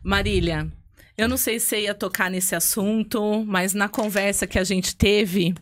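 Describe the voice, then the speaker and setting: A woman's voice: medium pitch, steady tone, normal speed. A woman, hosting a casual interview and prompting her guest with short affirmations. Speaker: podcast host.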